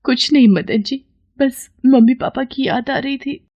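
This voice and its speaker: A woman voicing a meek, kind young wife in an animated story, soft and obedient. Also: fairly high pitch, normal speed, dull audio, pitched above the performer's own voice, close to an everyday voice. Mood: sad.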